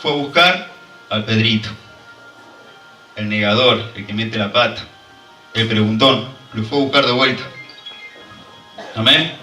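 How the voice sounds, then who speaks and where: A man's voice: lowish voice, measured pace, long pauses, bright, forceful tone, echoey room, recorded from a distance, soft background music, low-quality recording. A man preaching a fervent sermon and drawing call-and-response from the congregation. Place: church hall.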